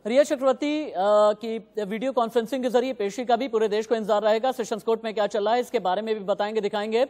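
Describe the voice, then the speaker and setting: A man's voice: high voice, fairly even intonation, fast talker, darkish tone. A male news anchor in a heated live TV debate, combative and hammering the same phrases again and again. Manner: combative, repeats phrases insistently.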